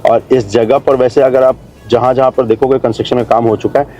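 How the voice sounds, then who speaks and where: A man's voice: mid-range voice, steady tone, fairly quick, mellow, slight background noise. A man giving casual commentary for his video channel as he drives a new expressway and stops at a building site, explaining things to viewers in a chatty way. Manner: chatty, explains to viewers, calls them brother and friends. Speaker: travel and real estate vlogger.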